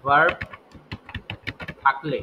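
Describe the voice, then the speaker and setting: Speaking slowly on a lo-fi, noisy recording, a man teaches English grammar. His spoken lesson moves step by step as he asks and answers his own questions.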